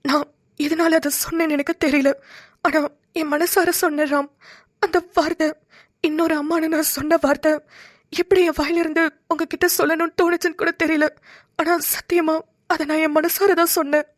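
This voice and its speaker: A woman's voice: high-pitched, level tone, moderate pace, no room sound, clean studio sound, natural voice. A woman voicing a devoted, tender young woman in a cartoon, pleading and near tears. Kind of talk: cartoon voice acting.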